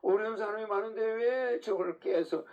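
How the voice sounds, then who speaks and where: A man's voice: high-pitched, moderate pace, darkish tone. A man preaching a sermon in a casual, lecturing way, often checking in with rhetorical questions. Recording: dull lo-fi recording.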